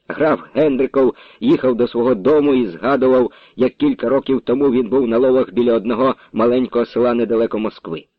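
Male radio storyteller, measured and expressive, muffled and dry sound. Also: medium pitch, no echo. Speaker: narrator. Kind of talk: literary story reading for radio. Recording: dull dry radio recording.

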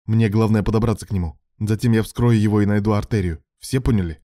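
Here is a man playing a surgeon taking charge at a crash, his voice firm and urgent as he snaps out orders. It sits low and warm, with a dry, close sound. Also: fairly even intonation, quick pace, dry recording, natural voice. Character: determined male surgeon, commanding under pressure.

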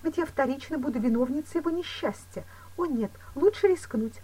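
A woman reading an audiobook voices an anxious young woman in love, with a slightly husky voice and raised, breathless exclamations. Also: high voice, lively intonation, a little fast, mellow, voice pushed up, rough recording. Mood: determined. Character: anxious young woman, lover pleading and frightened.

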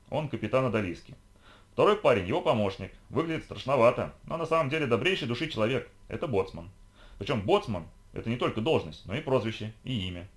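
A man voicing a bold, bossy young girl who guides her companion, in a brisk, commanding way. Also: medium pitch, close to an everyday voice.

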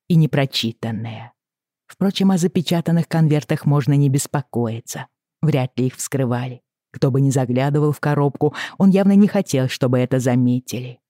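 A woman narrating a novel aloud in an expressive, dramatic reading. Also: a bass voice, no echo, clean studio sound. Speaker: audiobook narrator. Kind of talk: scripted narration.

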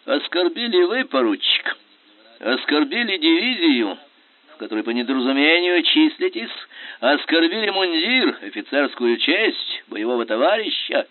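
A man's voice: fairly high pitch, big pitch swings, moderate pace, pitched above the performer's own voice. A man voicing an imperious, scornful Russian general who talks in biting, sarcastic commands. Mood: commanding. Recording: tinny phone-like sound.

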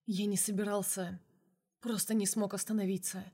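Woman doing a male boss, gruff, curt, growling, hushed whisper, audiobook character voice. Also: mid-range voice, little pitch movement, moderate pace, natural voice. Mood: hushed remorse. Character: gruff drunk male boss, commanding then tender.

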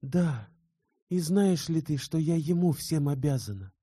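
A man's voice: fairly high pitch, expressive, a little slow, dark tone, breathy edge, dry recording, studio quality, voice pushed up. A man voicing an earnest young woman in love, read tenderly and heartfelt in an audiobook. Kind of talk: audiobook character voice.

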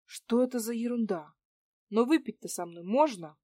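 A woman's voice: a little high, animated, normal speed, mellow, dry recording, clean studio sound, pitched above the performer's own voice. A woman voicing a spoiled, cynical man around forty who needles and mocks. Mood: pushy, sarcastic. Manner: sarcastic, needling questions.

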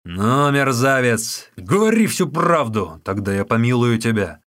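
A man's voice: low-pitched, steady tone, moderate pace, no room sound, studio quality, natural voice. A man voicing a fierce, bold male hero warrior who speaks in a mocking, menacing way. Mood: threatening.

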